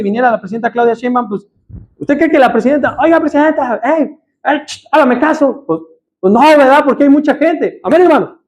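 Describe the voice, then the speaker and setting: A man with a Mexican Spanish accent preaches a sermon with a strikingly high voice. His delivery is emphatic, and he keeps turning to the congregation and calling them brother. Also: a little mellow, low-quality recording. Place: church.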